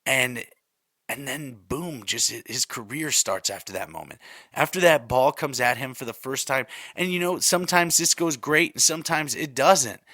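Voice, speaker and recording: A man's voice: medium pitch, expressive, normal speed, pushed and bright, dry recording. Rambling thirty-something man, dry close sound. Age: 30s. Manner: rambling, conversational, repeats himself, many fillers. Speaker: podcast host. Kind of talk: casual solo podcast chat.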